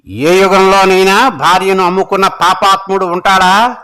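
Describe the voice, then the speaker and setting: A man's voice: high-pitched, steady tone, normal speed, pushed and bright, clear, resonant tone. A man voicing a proud, grieving king in a storybook reading, speaking with solemn, anguished declaiming. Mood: grave.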